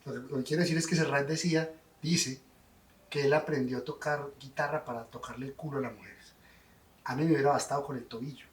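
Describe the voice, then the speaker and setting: A man's voice: medium pitch, fairly even intonation, fast, recorded from a distance. A middle-aged man, answering interview questions in a wry, self-deprecating way. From Colombia. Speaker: guest songwriter. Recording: roomy, off-mic sound.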